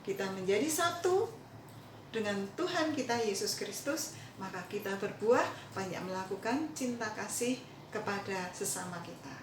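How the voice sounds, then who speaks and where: A woman Sunday school teacher telling children a Bible story and lesson, pausing often with fillers. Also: mid-range voice, animated, a little hiss or hum. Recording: roomy echo, voice from a distance.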